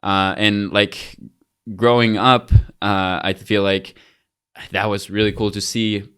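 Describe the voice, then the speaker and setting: A young man from Costa Rica, a guest on a podcast, chatting in a relaxed, easygoing way. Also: on the low side, slow pace, clean tone. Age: young adult. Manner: relaxed, easygoing, with frequent restarts. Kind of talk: casual conversation.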